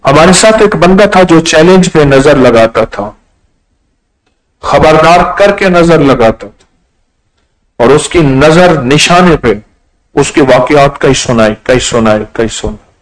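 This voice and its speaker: A man's voice: fairly high pitch, pauses often, rough recording. A man giving a storytelling sermon, acting out the people in his anecdotes as he goes. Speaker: religious speaker.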